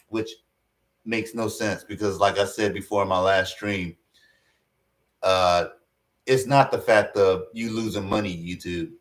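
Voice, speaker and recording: A man's voice: fairly low pitch, a bit bright. A man giving casual online commentary, rambling, with many fillers and restarts.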